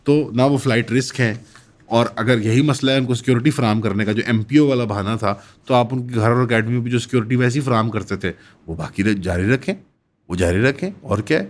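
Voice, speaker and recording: A man's voice: medium pitch, a little fast. A man from Pakistan hosting a commentary channel, delivering an opinionated, critical monologue and mixing English phrases into his speech.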